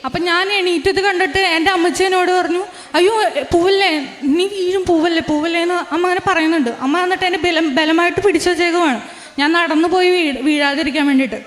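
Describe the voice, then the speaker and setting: Young woman, very high voice, earnest testimony, long hall reverb. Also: quick pace, a bit bright. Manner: earnest, emotional, with restarts. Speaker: testimony giver. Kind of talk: religious testimony.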